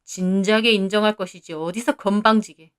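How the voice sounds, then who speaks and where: 여자가 연기하는 오만한 젊은 약혼남. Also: male voice, sits high, fairly even intonation, a little fast, fairly bright tone, clean tone. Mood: smug. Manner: boastful, contemptuous. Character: arrogant, vindictive young man, a bride's fiancé.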